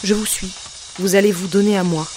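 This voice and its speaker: A woman's voice: mid-range voice, steady tone, brisk, darkish tone, a little hiss or hum, natural voice. A woman reading a cynical dwarf count. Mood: cold, curt.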